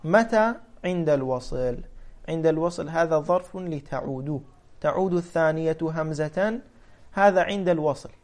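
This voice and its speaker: A man's voice: a little high, normal speed, darkish tone. A man teaching an Arabic grammar lesson, explaining step by step, repeating phrases and restating them, and often asking a question and then answering it himself.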